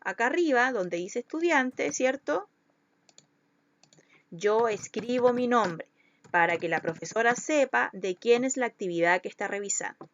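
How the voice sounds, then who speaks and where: A woman's voice: fairly high pitch, lively intonation, measured pace, fairly bright tone, lo-fi sound. A woman schoolteacher, giving a recorded lesson to children and patiently stretching out syllables to show where the stress falls.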